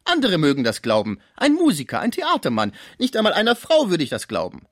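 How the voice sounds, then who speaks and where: A man putting on a shrill gossiping concierge woman. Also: wildly swooping pitch, a little fast, no echo, studio quality, heavily acted. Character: nosy chattering middle-aged female concierge. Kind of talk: radio book reading.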